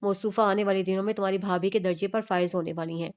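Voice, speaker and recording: Curt young male boss from a romance audiobook, dry and unhurried, read by a woman. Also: medium pitch, fairly even intonation, a little mellow, natural voice.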